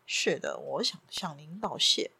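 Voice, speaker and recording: Woman doing a smooth polite banker. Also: sits low, lively intonation, a little slow, voice pushed down, exaggerated voice. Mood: polite calm. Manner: soft, courteous, unruffled. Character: calm, polite middle-aged male banker.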